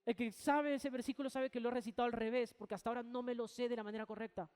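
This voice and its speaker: A male pastor with a Peruvian accent preaches with a high voice. He tells his story in an animated way and acts out each exchange. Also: very fast, clean tone, long reverb tail. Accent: Peruvian Spanish. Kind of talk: storytelling sermon.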